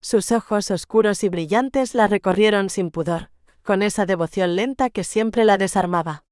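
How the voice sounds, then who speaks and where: Smooth-voiced woman narrating a romance. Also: mid-range voice, no room sound, clean studio sound. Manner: measured, gentle storytelling. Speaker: audiobook narrator. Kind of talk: audiobook narration of a romance novel.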